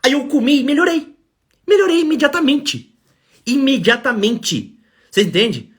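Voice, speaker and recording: A man's voice: very high voice, moderate pace. A man with a Brazilian Portuguese accent, a therapist explaining anxiety in casual talk and acting out the dialogue in his stories with animation. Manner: animated storytelling, acts out dialogue.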